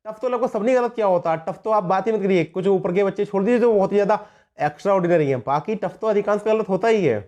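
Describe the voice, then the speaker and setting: High-voiced male exam prep teacher. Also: fast, a little mellow. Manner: explains by repeating points and asking the class questions. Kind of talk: spoken lesson over slides.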